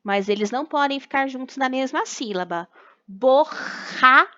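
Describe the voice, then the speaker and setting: Speaking a little fast in an animated, high-sitting voice, a young Brazilian Portuguese-accented teacher patiently breaks words into syllables for young children. It's a recorded remote class with lo-fi sound.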